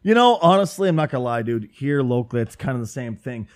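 Ein Mann mit nördlichem Minnesota-Akzent, der locker, derb und scherzend einen Podcast moderiert. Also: male voice, medium pitch, expressive, fast. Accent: Northern Minnesota. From northern Minnesota. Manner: loose, profane and joking. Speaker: podcast host and streamer. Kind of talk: casual podcast chat. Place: home room with window open.

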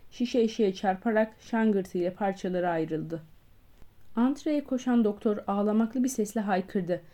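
A woman reads a classic novel aloud with measured, even storytelling. Her voice has a soft, mellow warmth at a middle pitch. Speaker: audiobook reader. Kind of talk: scripted literary narration.

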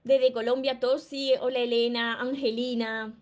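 A woman's voice: on the high side, little pitch movement, unhurried. A woman with a Peninsular Spanish accent who hosts a live stream as a self-help author, giving emphatic, encouraging advice and greeting viewers by name.

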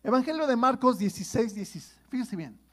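A man's voice: very high-pitched, animated, quick pace. A man preaching a sermon in a conversational way, often checking in with his listeners. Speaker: pastor.

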